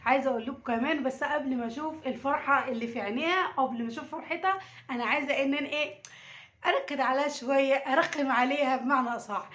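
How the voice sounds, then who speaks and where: A woman's voice: high voice, racing, fairly bright tone. A woman with an Egyptian accent chatting casually to camera, teasing and repeating herself, filmed on a phone at home. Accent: Egyptian Arabic. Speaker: mother filming a prank on her daughter. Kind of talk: casual vlog talk to camera. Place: home indoors.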